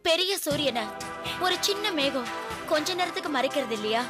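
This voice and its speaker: A woman's voice: sits high, lively intonation, moderate pace. An actress playing a wronged woman police officer who explains steadily and vows revenge, in a TV serial drama. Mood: resolute. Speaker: police officer, under arrest. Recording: loud background music score.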